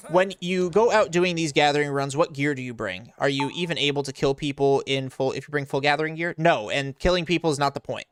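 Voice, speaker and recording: A young American man from Florida, USA, chats casually through a live game stream, explaining as he plays and reading chat messages aloud before answering them. His mid-range voice is smooth, and the recording is dry.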